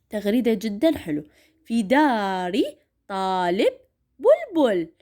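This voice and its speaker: A woman with an Iraqi Arabic accent, teaching a first-grade reading lesson and stretching syllables slowly for children to repeat. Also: fairly high pitch, a little mellow.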